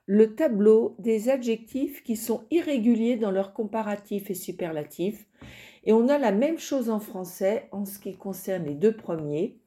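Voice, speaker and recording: A woman teaching English grammar in French in a recorded lesson, explaining slowly with frequent hesitations. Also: medium pitch, warm tone. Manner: slow, explanatory, with many hesitations.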